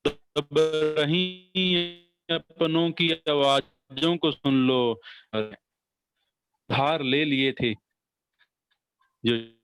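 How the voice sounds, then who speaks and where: A man with a fairly high voice recites his poem on a video call, slowly and deliberately, repeating each line twice. The sound is dry and close. His voice keeps breaking up and dropping out over a bad internet connection. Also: fairly even intonation, a bit bright, clear, resonant tone, no echo, soft background music, rough recording. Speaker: poet.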